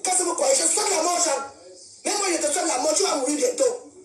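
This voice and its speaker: Woman, high voice, confrontational live-stream rant, echoey room away from the mic. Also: expressive, quick pace, distant mic, crowd noise. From Cameroon. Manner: defiant, confrontational, repeats herself. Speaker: social media live streamer.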